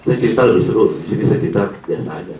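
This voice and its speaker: A man leading a sales training tells a dramatic story and asks the audience questions, speaking very fast in a low-side, mellow voice. The recording is dull and roomy from a distant mic, with a little hiss or hum.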